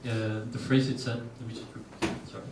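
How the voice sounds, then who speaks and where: A man from Panama, a student organizer, speaking in a halting, self-correcting way. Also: mid-range voice, level tone, heavy background noise. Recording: echoey hall from far off.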